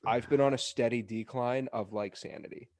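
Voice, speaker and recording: A man's voice: medium pitch, normal speed, darkish tone, dry recording. A young man on a video call, chatting and laughing with friends on a sports podcast. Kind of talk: casual chat.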